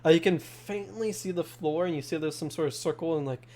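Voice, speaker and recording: Halting man narrating as game master. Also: fairly high pitch, a little mellow. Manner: halting, descriptive, full of "uh" and "like".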